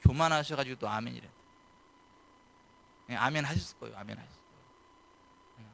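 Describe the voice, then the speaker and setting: A man's voice: mid-range voice, fairly quick, creaky, fairly bright tone. A man preaching as pastor at a late-night church service, questioning his congregation and pressing his points home. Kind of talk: sermon.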